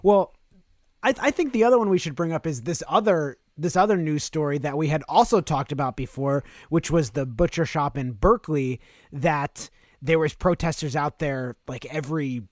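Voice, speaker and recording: Playful, higher-voiced podcast co-host man. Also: normal speed, dry recording, studio quality. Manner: playful, teasing, giggly. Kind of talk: casual podcast chat.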